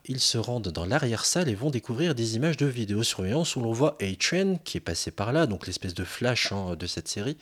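A man hosting a podcast, recapping a TV series episode with playful sarcasm. His voice sits fairly low. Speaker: podcast host.

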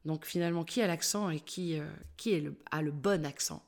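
A middle-aged woman with a Parisian accent, a voice coach talking in an interview, animated and full of hesitations. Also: low voice, fairly quick. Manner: animated, many hesitations and fillers. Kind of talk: casual interview talk.

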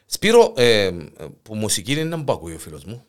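A man's voice: on the low side, wildly swooping pitch. A man with a Cypriot Greek accent hosting an interview, prompting his guest with many fillers. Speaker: host, interviewer. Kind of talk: casual interview.

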